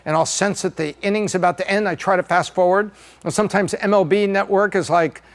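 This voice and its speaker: A man's voice: high-pitched, a little fast. A middle-aged man hosting a podcast, walking through charts in a chatty, joking way. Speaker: podcast host.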